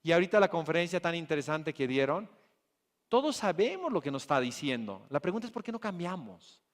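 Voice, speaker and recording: A man's voice: fairly high pitch, a little fast. A man from Bolivia giving a motivational keynote talk at a business conference, telling stories and putting rhetorical questions to the audience. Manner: lively storytelling, addressing the audience with rhetorical questions. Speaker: conference speaker. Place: conference hall.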